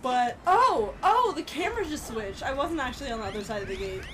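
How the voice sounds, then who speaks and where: A young woman chatting away as she plays a game, her voice high and bouncing all over the place. She swears freely, laughs often and shouts at the screen. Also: animated, brisk, a little hiss or hum. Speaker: gamer. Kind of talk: casual chat while playing.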